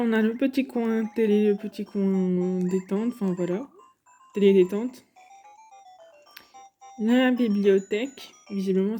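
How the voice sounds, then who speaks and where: Chatty woman with a mellow voice. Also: mid-range voice. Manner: chatty, hesitant, many fillers. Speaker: gaming YouTuber. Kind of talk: casual game commentary.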